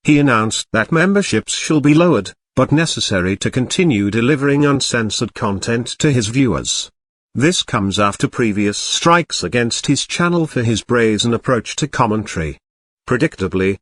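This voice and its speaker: A man's voice: mid-range voice, dry recording. Robot cat narrator, male, a man doing it, formal and snide, dry studio sound. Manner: formal, archaic wording with dry sarcasm. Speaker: commentary narrator. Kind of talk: scripted drama-news commentary.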